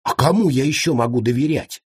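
A man's voice: mid-range voice, brisk, breathy edge, no echo, clean studio sound, pitched above the performer's own voice, close to an everyday voice. A man voicing a timid, earnest wild young man in an audiobook, hesitant and worried.

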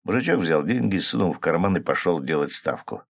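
A man narrating a first-person audiobook in a calm manner, shifting his pitch slightly to voice the characters. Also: brisk, creaky.

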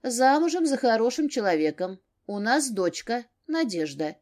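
A woman's voice: a little high, sing-song, normal speed, darkish tone, pitched above the performer's own voice. A woman voicing a touchy grown daughter. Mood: defensive. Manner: flaring, defensive.

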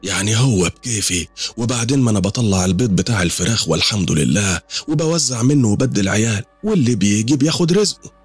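A man's voice: lowish voice, expressive, fast talker, slightly rough, soft background music, voice pushed up. A man doing a blunt old village grandmother. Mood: teasing. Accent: Egyptian Arabic.

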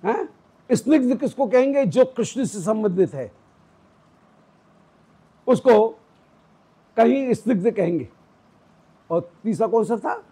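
Brief: male spiritual teacher, measured explanatory delivery, breathy tone. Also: high voice, expressive, mellow, low-quality recording. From South India roots. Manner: explanatory, demonstrates Vedic pronunciation. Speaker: religious teacher. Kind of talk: devotional scripture discourse.

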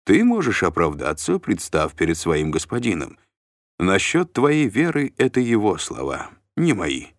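A man's voice: low voice, wildly swooping pitch, a little slow, no room sound, studio quality, full character voice. A man voicing a male guard commander who speaks formally, courteous yet firm, in an audiobook reading.

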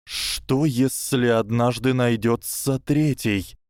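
Wary young wizard, read by a male narrator: flat hissing delivery, slow and careful. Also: mid-range voice, no room sound, clean studio sound, pitched above the performer's own voice, lightly acted. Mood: guarded.

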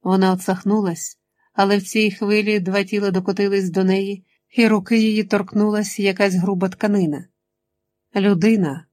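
A woman narrating an adventure audiobook in a steady, measured reading voice. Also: mid-range voice. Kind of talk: scripted narration.

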